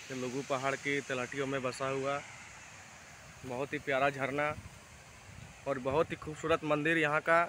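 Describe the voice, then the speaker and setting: A man's voice: mid-range voice, level tone, moderate pace, pauses often, pushed and bright. Man, eager travel vlogger, outdoors by a waterfall, phone mic, noise behind. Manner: enthusiastic, inviting viewers. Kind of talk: travel vlog narration.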